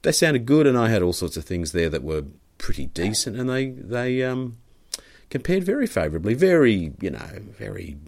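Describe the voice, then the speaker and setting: A man's voice: fairly low pitch, big pitch swings, moderate pace, gravelly, darkish tone. A man co-hosting a podcast, chatting casually and rambling along with many restarts. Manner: rambling, full of restarts and fillers. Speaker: podcast co-host. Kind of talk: casual chat.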